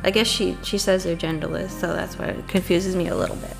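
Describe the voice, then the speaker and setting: A woman's voice: on the low side, steady tone, a little fast, creaky, music in the background. A woman co-hosting a casual podcast discussion, thoughtful and musing, often murmuring agreement. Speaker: podcast co-host.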